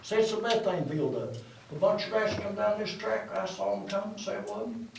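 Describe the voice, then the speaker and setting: A man's voice: sits high, moderate pace, vocal fry, darkish tone. An older man with an Appalachian accent giving an informal guided tour as a former miner, talking like a folksy old prospector spinning stories. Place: underground exhibition coal mine. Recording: echoey mine tunnel, distant mic, faint noise.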